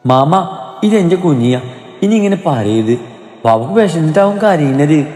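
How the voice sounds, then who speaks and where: Man narrating as a pouting little boy, slow speech, slightly raised voice, storybook reading. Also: fairly high pitch, lively intonation, darkish tone, roomy sound, in a large hall, faint music behind. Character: small boy, sulky and protective.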